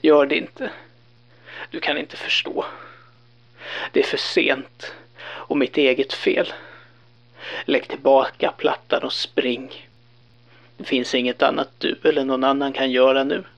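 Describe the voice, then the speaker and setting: An actor playing a desperate, doomed man who pleads in urgent, hushed whispers in a horror audio drama. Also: mid-range voice, fairly even intonation, creaky, pauses often. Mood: pleading.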